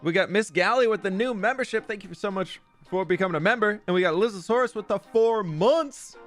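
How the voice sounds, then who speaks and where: A man's voice: high voice, a little fast, a bit bright, faint music behind. A young man live-streaming from a room at home, chatting casually and greeting viewers by name. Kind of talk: casual live-stream chat while gaming.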